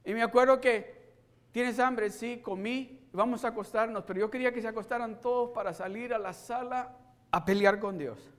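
A middle-aged male preacher telling a personal testimony in a sermon, moving from soft storytelling to shouted exhortation and mixing Spanish with English. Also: very high-pitched, normal speed. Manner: switches between Spanish and English.

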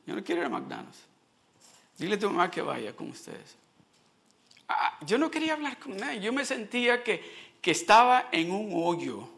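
A man's voice: high voice, big pitch swings, moderate pace, creaky, a bit bright. A middle-aged man giving a sermon testimony, telling a personal story and slipping in English phrases.

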